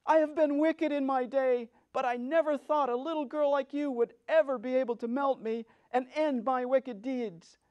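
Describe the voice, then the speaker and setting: A man voicing a cunning, cruel old wicked witch in a storybook reading, with screechy wails and loud, drawn-out theatrical cries. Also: very high-pitched, steady tone, clean tone, no echo, dull audio, pitched above the performer's own voice. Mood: wailing, desperate. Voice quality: wailing, screechy.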